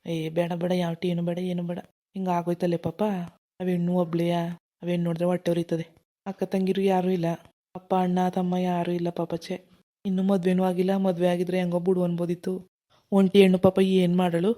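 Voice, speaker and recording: A grumbling middle-aged village husband in a cartoon, as a woman puts him on, in a voice pushed far down from her own, flat and dark. He speaks. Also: on the low side, brisk, pitched below the performer's own voice, natural voice. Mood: pitying. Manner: gruff, grumbling. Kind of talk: cartoon voice acting.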